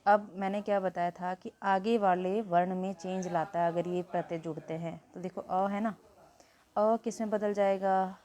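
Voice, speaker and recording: A woman's voice: mid-range voice, fairly even intonation, normal speed, dark tone. A woman teaching a Hindi grammar lesson, explaining step by step and asking questions she answers herself.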